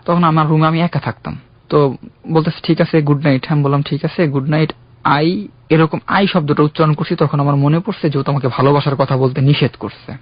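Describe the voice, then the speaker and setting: A young man calling in to a radio show, earnestly recounting his own love story in a halting, heartfelt way. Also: a little high, fairly even intonation, no room sound. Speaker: caller. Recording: dull, dry radio studio sound.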